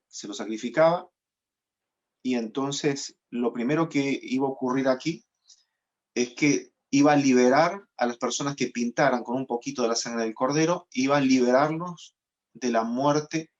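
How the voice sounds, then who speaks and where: A man's voice: mid-range voice, lo-fi sound. A pastor giving a sermon in a patient, explanatory teaching tone, with frequent fillers as he explains.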